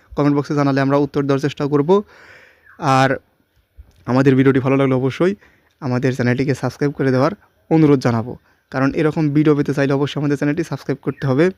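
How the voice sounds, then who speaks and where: Fast-talking male grammar teacher. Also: on the high side, a little mellow, no room sound, clean studio sound. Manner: explanatory, keeps asking listeners checking questions. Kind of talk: grammar lesson.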